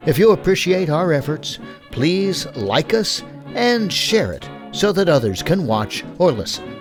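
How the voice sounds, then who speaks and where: A man's voice: fairly high pitch, sing-song, unhurried, faint music behind. A man from the United States giving a scripted sign-off to listeners as host. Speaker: host, director and producer. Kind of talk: scripted sign-off addressed to the audience.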